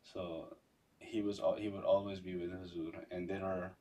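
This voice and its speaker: A man recounting personal memories in a halting, conversational way, often repeating phrases. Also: deep voice, little pitch movement, mellow, distant mic. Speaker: podcast guest.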